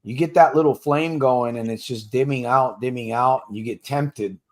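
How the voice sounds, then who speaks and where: A man with a mid-range voice speaks at a moderate pace, hosting a casual livestream podcast for gamblers in recovery. He's plain-spoken and slangy, coaches his listeners directly, and laughs easily between points.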